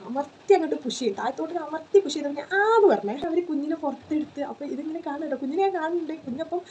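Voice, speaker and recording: Young woman vlogger, rattles off a chatty story at high speed, mellow voice. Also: animated, very fast, dull audio, a little hiss or hum. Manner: chatty, tags sentences with 'you know', many fillers. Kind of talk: casual personal storytelling.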